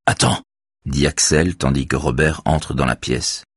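A man giving a measured, even scripted narration of a novel. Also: a bass voice, husky, dry recording, clean studio sound.

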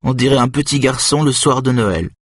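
A man's voice: medium pitch, normal speed, slightly rough, no echo, studio quality, voice pushed up, close to an everyday voice. A man voicing a cheerful, playful adult woman in an audiobook, speaking in a raised, amused tone. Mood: teasing. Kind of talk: audiobook character voice.

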